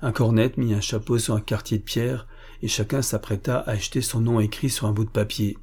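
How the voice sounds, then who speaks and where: Warm-voiced male audiobook narrator. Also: fairly low pitch, breathy edge. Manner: measured, even storytelling. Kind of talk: scripted narration.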